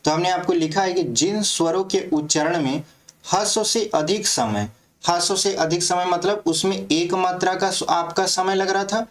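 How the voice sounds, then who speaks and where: A man's voice: high-pitched, normal speed. A man teaching a grammar lesson for exam prep, explaining step by step and often checking that students follow.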